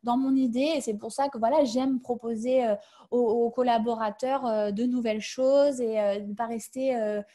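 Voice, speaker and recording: A woman speaking on a video call in a webinar, answering questions casually. Her voice sits fairly high but sounds mellow and warm. She hesitates a lot and restarts her sentences. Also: steady tone, normal speed. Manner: hesitant, many fillers and restarts. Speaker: webinar guest sharing her career change.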